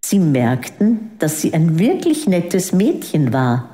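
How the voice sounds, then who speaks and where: Ruhige Vorleserin für ein Kinderbuch, langsam und ausdrucksvoll, warmer Klang, halliger Raum. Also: female voice, lowish voice. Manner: calm, unhurried narration. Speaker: storyteller. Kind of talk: children's story reading. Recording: echoey room with long reverb.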